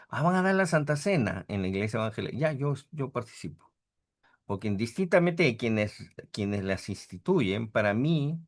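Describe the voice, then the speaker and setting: A middle-aged man, a priest, giving an informal theology lecture over a video call, often ending sentences with a questioning "no" and acting out the voices of people he quotes. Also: mid-range voice. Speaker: priest teaching a theology class.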